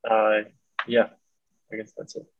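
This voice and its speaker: A man's voice: fairly low pitch, monotone, a little slow, dry recording. A young man in his twenties, an athlete answering interview questions briefly and hesitantly over a video call. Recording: dry, dull video-call audio.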